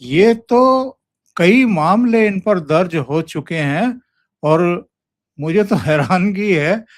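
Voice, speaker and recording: A man hosting a political discussion show, asking in a measured, deliberate way. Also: sits high, expressive, no room sound, studio quality. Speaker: show host.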